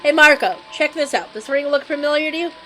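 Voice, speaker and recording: A woman reading a steady FBI agent. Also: high-pitched, brisk, faint music behind, rough recording. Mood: matter-of-fact. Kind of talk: voicing game dialogue on a live stream.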